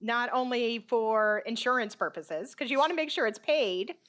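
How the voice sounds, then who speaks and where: Guesting on a podcast, a woman in her fifties who works as a therapist shares her story in a relaxed, lively way, doing the voices of those she quotes and laughing frequently. Her voice is a little high and her speed normal.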